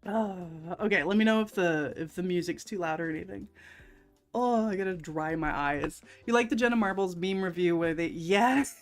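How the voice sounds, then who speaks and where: A woman's voice: fairly low pitch, moderate pace, faint music behind. A woman hosting a casual craft livestream, chatting and laughing often. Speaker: livestream host. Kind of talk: casual chat while crafting.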